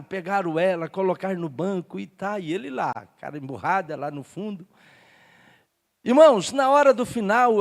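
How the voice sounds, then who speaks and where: A Brazilian man preaching a sermon as pastor, telling a story and building up to shouted passion. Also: high-pitched. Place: church. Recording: long church hall reverb.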